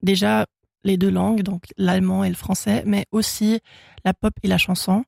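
A young singer-songwriter from Switzerland, native German speaker, talks casually on a radio show, laughing a lot and restarting sentences amid many fillers. She speaks at normal speed in a mid-range, creaky, slightly mellow voice with flat delivery. There's no echo.

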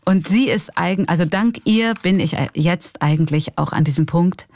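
A woman's voice: lowish voice, normal speed, darkish tone, no echo, clean studio sound. Reflective Swiss German woman clown. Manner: reflective, candid, laughs often. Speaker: clown and comedian. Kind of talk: reflective interview monologue.

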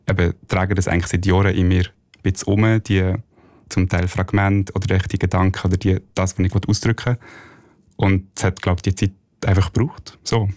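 A man in his thirties from Solothurn, speaking with a Swiss German accent as a musician guest in a radio interview, thoughtful and hesitant, often restarting his words and laughing softly. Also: sits low, dry recording. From Switzerland, Solothurn.

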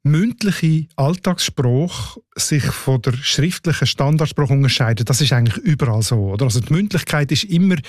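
A man's voice: on the high side, animated, normal speed, hardly any pauses, a little mellow, dry recording, clean studio sound. A man with a Swiss German accent explaining language matters on a radio show, often ending his sentences with a questioning tag. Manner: explanatory, tags sentences with "oder?". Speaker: language expert co-host.

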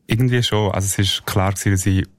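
A man with a Swiss German accent, a musician guest on a radio interview, talking reflectively with some hesitation and soft laughs. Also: on the low side, fairly even intonation, fast, dry recording. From Switzerland.

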